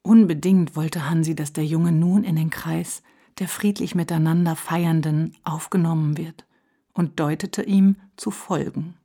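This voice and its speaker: A woman narrating a children's storybook in a calm, measured reading voice. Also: deep voice.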